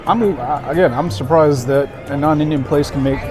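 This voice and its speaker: A man with a slightly high voice talks casually to camera as a food vlogger. He savors each taste with delighted approval, while music plays and a crowd chatters around him. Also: steady tone, fairly quick.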